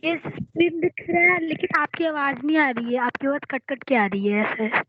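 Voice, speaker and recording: A high-pitched student answers the teacher in short, polite replies. The voice arrives over a crackly, noisy call line with a thin, phone-like sound. A long echo hangs around it. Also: animated, normal speed. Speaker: student on an online class call. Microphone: remote call audio.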